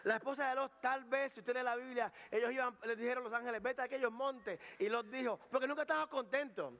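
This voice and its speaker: A male pastor delivers a sermon in a conversational way, with jokes, asides, English words mixed in, and frequent repetition. His voice is very high-pitched and a bit bright, and he speaks quickly. The recording carries a long hall reverb.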